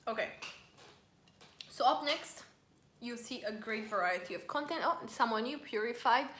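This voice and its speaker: A woman's voice: a little high, animated, moderate pace, a bit bright, roomy sound, slight background noise. A woman hosting a casual live stream, chatting and reading viewer comments aloud while she eats.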